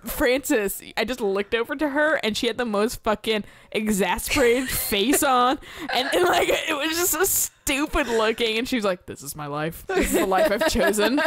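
A woman with a fairly high, very lively voice chats over gameplay, swearing freely and breaking into laughs as she tells a story. The sound is dry and close, with no room around her. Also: moderate pace, no echo. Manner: laughing, swearing, animated anecdote telling. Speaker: gameplay co-host. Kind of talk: casual gameplay chat and storytelling.

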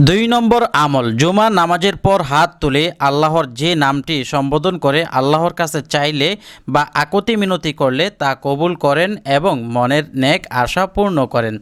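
Male religious teacher, fairly high, smooth resonant voice, careful instructional delivery that explains pronunciation step by step. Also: a bit bright. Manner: drawn-out Arabic recitation for learners to repeat. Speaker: Islamic teacher. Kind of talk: religious lesson on prayers and pronunciation.

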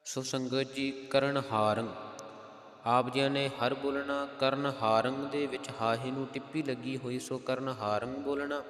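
A man with a Punjabi accent teaches recitation at an unhurried pace. He moves between drawn-out, melodic chanting and brisk spoken notes on pronunciation. His voice carries a long, roomy reverb, as if recorded in a hall. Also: mid-range voice, steady tone, fairly bright tone. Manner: alternates slow melodic chanting with quick explanations. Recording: echoey hall sound.

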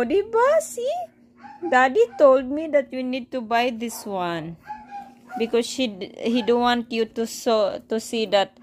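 A woman vlogger with a fairly high voice chats casually with her viewers and coos baby talk at her pet dog, mixing Tagalog, Bisaya and English. There's slight background noise.

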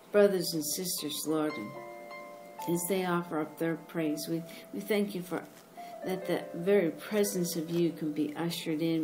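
Female podcast host leading prayer; slow fervent delivery, lowish voice, music bed. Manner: slow, fervent, repeating thanks. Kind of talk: spoken prayer. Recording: music playing behind.

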